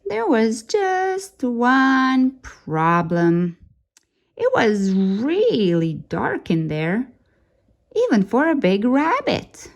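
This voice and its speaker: Reading a children's picture book aloud, a woman uses a very lively, swooping pitch at an unhurried pace, stretching key words for dramatic suspense. The recording is muffled.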